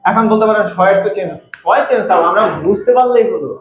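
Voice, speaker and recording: A man's voice: sits high, racing. A man teaching chemistry in a classroom lecture, repeating key points and asking the class questions. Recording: echoey room, dull lo-fi sound.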